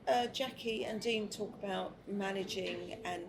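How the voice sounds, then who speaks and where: A woman's voice: medium pitch, unhurried, gravelly, background noise. A woman hosting a casual interview, chatty and easily distracted, laughing often. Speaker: host. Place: busy restaurant. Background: restaurant crowd chatter.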